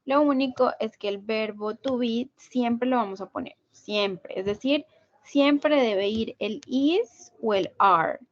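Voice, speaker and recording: Speaking slowly in a fairly high voice, a woman leads an online English grammar lesson, walking students through it patiently and pausing to check on them. The sound is lo-fi, captured through a video call.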